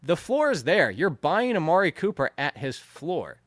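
Lively, animated man teasing his co-host. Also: fairly high pitch, normal speed, no room sound, clean studio sound. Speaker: podcast host. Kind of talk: casual chat.

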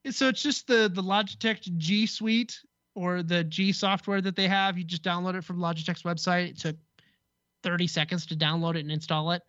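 A man's voice: high-pitched, steady tone, moderate pace, a bit bright, no room sound, dull audio. A man co-hosting a radio show, casually explaining tech step by step. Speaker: co-host, tech guest. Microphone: desk mic with headset.

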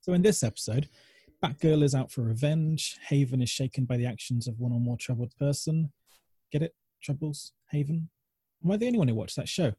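Husky wry man from the UK. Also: medium pitch, expressive, brisk, dark tone, no room sound. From United Kingdom. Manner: wry, self-mocking asides. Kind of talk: recorded podcast intro.

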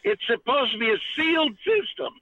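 A man's voice: very high-pitched, sing-song, moderate pace, bright, forceful tone. A man calling in to a radio show, rambling emphatically and restarting his sentences. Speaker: caller. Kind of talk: call-in political rant. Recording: tinny phone line.

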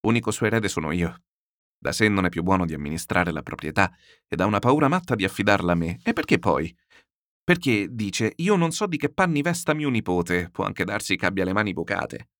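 A man reading an audiobook, voicing a middle-aged male schemer who speaks to a general in an obsequious, flattering way. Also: on the low side, fairly quick, no room sound, clean studio sound. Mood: fawning.

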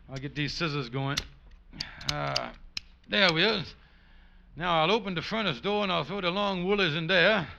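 A man's voice: on the high side, gravelly. An actor playing a scheming, blustering, bumbling man in an old-time radio comedy, with folksy, exclaiming talk. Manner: exclaiming, muttering to himself, folksy ungrammatical talk. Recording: noisy, muffled old radio recording.

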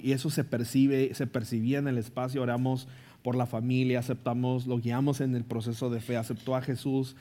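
A Mexican pastor preaching in a relaxed, conversational way, checking in with his listeners as he goes. His voice sits at an ordinary middle pitch for a man. He turns earnest and pleading when he calls people to faith. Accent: Mexican Spanish. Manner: conversational, tags lines with ¿no? and ¿verdad?; earnest, pleading altar call. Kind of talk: sermon with personal story.

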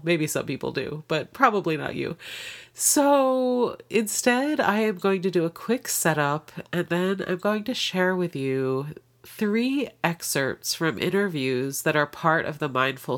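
Woman podcast host, low voice, nasal and stuffed up from a cold, chatty and upbeat. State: congested with a cold. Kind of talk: casual podcast intro.

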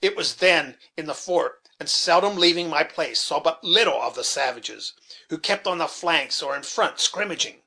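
A man's voice: fairly high pitch, expressive, normal speed, pushed and bright, exaggerated voice. A man voicing a sober old army sergeant who recalls his service plainly, in an audiobook reading. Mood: recalling.

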